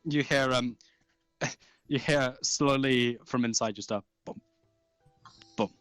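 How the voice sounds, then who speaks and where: A man improvising tabletop game narration as game master, in an informal, halting, descriptive way. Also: mid-range voice, fairly even intonation, fairly bright tone, clean tone, dry recording. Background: faint music.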